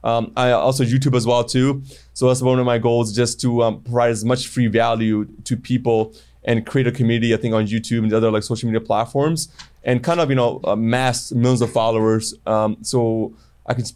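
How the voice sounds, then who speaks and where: A man's voice: medium pitch, flat delivery, a little fast, a little mellow, smooth. Rambling man guest, full of fillers. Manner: rambling with many fillers and restarts. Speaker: podcast guest. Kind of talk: casual interview talk.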